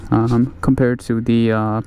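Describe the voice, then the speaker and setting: A man's voice: medium pitch, little pitch movement, unhurried, warm tone, clear, resonant tone. A man giving casual point-of-view commentary outdoors on a street while riding an electric skateboard. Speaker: vlogger reviewing an electric skateboard. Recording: outdoor ride noise, passing vehicles. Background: vehicle and ambient noise.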